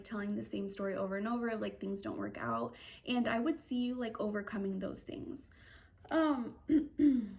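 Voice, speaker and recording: A young woman giving a casual tarot reading, chatty and upbeat, with lots of fillers as she rambles. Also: on the high side. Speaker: tarot reader.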